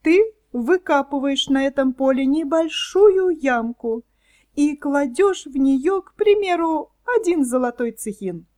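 A woman voicing a sly, scheming fox swindler in a storybook reading, talking smoothly and persuasively. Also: high-pitched, expressive, a little slow, a little mellow. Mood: coaxing.

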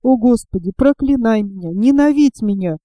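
A grieving young woman in a storybook pleads through tears, her voice fairly high but deeply mellow, as a woman narrator reads her. She is devoted and desperate. The sound is close and dry. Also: animated, normal speed, no room sound, natural voice. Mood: anguished. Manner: pleading, tearful.

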